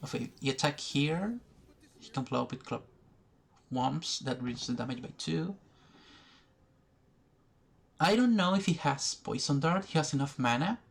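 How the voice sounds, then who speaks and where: A man giving educational commentary over a card game, thinking aloud slowly, pausing often and restarting his sentences. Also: fairly high pitch, vocal fry. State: has the hiccups. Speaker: gaming video creator. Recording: faint background noise, poor recording.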